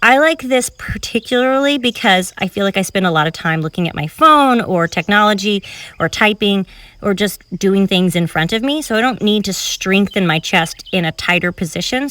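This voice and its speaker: Breathless, bright female fitness instructor. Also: mid-range voice, no echo, distant mic. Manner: encouraging, counts reps aloud while moving. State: slightly out of breath. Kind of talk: cueing a home cardio workout while exercising. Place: filmed outdoors in public.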